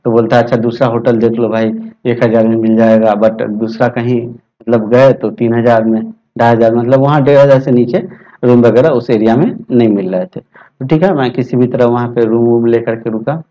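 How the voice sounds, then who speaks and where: Chatty young man with a dark voice. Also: mid-range voice, fairly even intonation, a little fast, muffled recording. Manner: chatty, rambling, many "theek hai" tags. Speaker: YouTube educator sharing exam interview experience. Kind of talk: casual talk to viewers over a screen recording.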